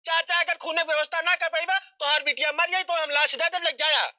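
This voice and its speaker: A man's voice: extremely high pitch, fairly even intonation, a little fast, pushed and bright, no room sound, studio quality. Blunt man in a village comedy skit. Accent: Bhojpuri-flavoured Hindi. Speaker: comic actor in village skit. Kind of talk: rustic comedy skit acting.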